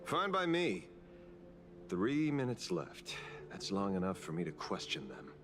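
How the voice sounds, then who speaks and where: In game dub dialogue over game music, an actor plays a stern male interrogator, cold and probing, who lectures as he questions people. His low voice is slow-ish with huge pitch swings, in a full character performance.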